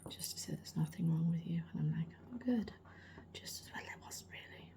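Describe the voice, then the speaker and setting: A middle-aged woman, chatting in a soft rambling whisper as an ASMR creator, her voice slightly worn and gravelly. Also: low-pitched, completely flat delivery, fast. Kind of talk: whispered role-play.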